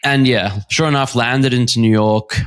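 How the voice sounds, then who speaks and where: Male podcast co-host, relaxed rambling talker with frequent laughs, mid-range voice. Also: mid-range voice, normal speed, clean tone. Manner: laughs often, rambling with restarts. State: recovering from covid. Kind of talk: casual chat.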